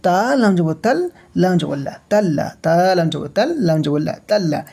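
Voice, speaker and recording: A man teaching Quran recitation step by step, spelling out letters and vowel marks, asking questions and answering them himself, and now and then chanting a verse slowly. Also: a little high, vocal fry, dark tone, slightly rough. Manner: drills letter by letter, asks and answers his own questions. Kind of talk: step-by-step Quran reading lesson.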